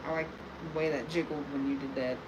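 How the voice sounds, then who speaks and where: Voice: medium pitch, steady tone, fast talker, lo-fi sound. An easygoing streamer chatting in a dry, matter-of-fact way while playing a game. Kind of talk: casual banter. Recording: noisy stream audio.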